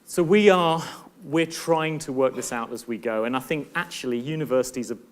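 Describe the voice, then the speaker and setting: A man's voice: medium pitch, brisk. A middle-aged man giving a conference talk as a university professor, earnest and thoughtful, often restarting and repeating words. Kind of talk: conference presentation.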